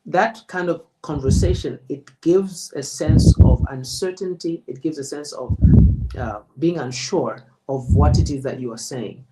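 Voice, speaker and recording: A man giving a presenter spoken feedback as a public speaking coach, in a measured, emphatic, deliberate way. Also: on the high side, noisy background.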